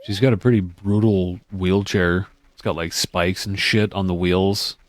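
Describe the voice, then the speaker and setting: A man's voice: deep voice, fairly even intonation, a little slow, dry recording. A man hosting a gaming video with informal, joking, casual gameplay commentary.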